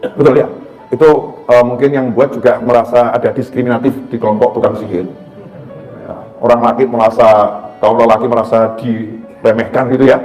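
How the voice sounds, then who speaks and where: A middle-aged man preaching a sermon, animated, breaking into chanted Arabic prayers. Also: medium pitch, fairly quick, lo-fi sound. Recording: roomy hall sound with faint music.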